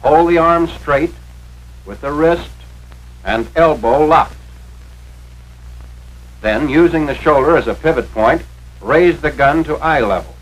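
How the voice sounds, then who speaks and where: Speaking slowly and pausing often, an expressive American man with a voice on the high side narrates a scripted 1940s instructional film. He sounds authoritative and enunciates carefully, as if teaching step by step, over a noisy, radio-like soundtrack.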